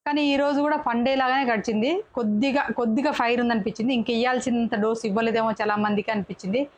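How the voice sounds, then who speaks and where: A woman's voice: a little high, steady tone, dry recording. A woman reviewing a reality show episode in a casual, chatty way, often breaking off and correcting herself mid-word. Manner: chatty, quick restarts and self-corrections.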